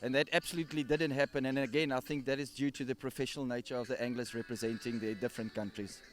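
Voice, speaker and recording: A man's voice: medium pitch, fairly even intonation, fast talker. A man, a tournament director, giving earnest interview answers and often restarting and repeating words. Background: faint music.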